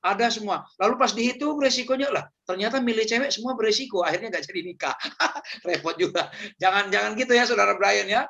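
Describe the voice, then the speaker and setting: Man, Indonesian accent, casual humorous talk, repeats himself, raspy edge. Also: high-pitched, fairly quick, bright, forceful tone. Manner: chatty, joking, repeats words, laughs often. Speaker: youth seminar speaker.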